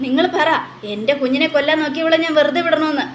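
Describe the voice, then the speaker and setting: Storybook mother figure, furious and scolding, read by a woman; high-pitched, echoey room. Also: steady tone, fast talker, a little hiss or hum, lightly acted. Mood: fierce. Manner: fierce, scolding. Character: angry young mother defending her baby.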